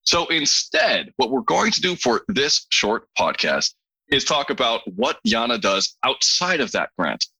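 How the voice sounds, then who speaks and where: A man's voice: medium pitch, sing-song, measured pace, pushed and bright, husky, low-quality recording. A man hosting a podcast, opening the show and introducing a guest in an upbeat, chatty way. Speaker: podcast host. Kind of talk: scripted podcast introduction and interviewing.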